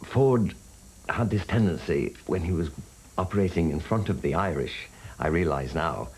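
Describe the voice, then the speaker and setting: A man in a documentary interview, reflecting thoughtfully and pausing with ums. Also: sits low, animated, slight background noise, poor audio.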